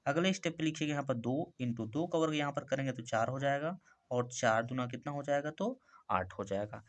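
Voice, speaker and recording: A man explaining a chemistry lesson in a casual classroom style, often asking himself short questions and answering them. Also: mid-range voice. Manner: repeats key terms as quick questions, says "ठीक है" and "भाई" often. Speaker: chemistry teacher.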